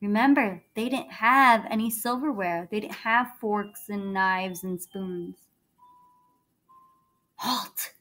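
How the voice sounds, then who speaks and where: A woman reading a children's book aloud like a teacher, pausing to explain things to young listeners. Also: mid-range voice. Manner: expressive, pauses to explain to listeners.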